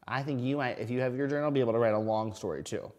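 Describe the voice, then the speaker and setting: A man with a mid-pitched voice gives a kindergarten reading lesson. He talks straight to little children, asks them simple questions and answers them himself, sounding out letters and words as he goes. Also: very fast, a little mellow. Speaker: kindergarten teacher.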